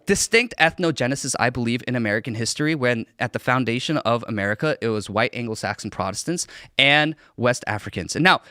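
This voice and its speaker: A man's voice: mid-range voice, lively intonation, quick pace, bright, forceful tone, no room sound, clean studio sound. A young man from Korea, a podcast guest, talking earnestly and emphatically on a political panel, often repeating himself for stress.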